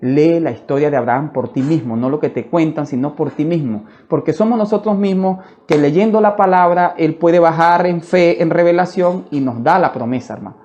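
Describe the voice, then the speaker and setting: Fervent male preacher, dark muffled sound. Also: on the high side. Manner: fervent, repeats "hermano", slow emphatic phrases. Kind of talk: sermon testimony. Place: church.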